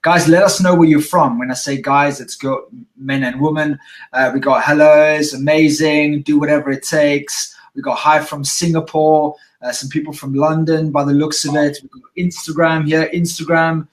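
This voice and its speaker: A man hosting a live-stream interview, talking with high energy and reading out viewer check-ins. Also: moderate pace, roomy sound, distant mic, rough recording. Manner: high-energy, excitable, reads out viewer comments. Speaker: interviewer, live show host.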